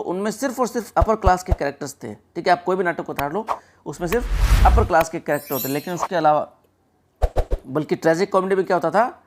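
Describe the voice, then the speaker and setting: A man's voice: high voice, background noise. A man teaching an exam-prep lesson, explaining step by step, checking in often and mixing English terms into his explanation. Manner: explains step by step, often saying "ठीक है" and addressing friends.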